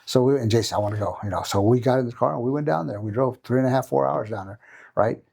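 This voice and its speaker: Middle-aged man, coach and father, rambling storyteller, warm husky tone. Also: medium pitch, fast. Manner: rambling anecdote with many tag questions. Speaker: jiu-jitsu coach and father. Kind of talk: storytelling in a podcast interview.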